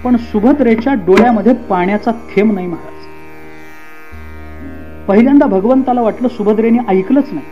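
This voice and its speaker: A man's voice: sits high, moderate pace, pauses often, lo-fi sound, soft background music. A man preaching a devotional sermon, telling a story dramatically, with frequent hums and chanted verses. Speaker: kirtan preacher.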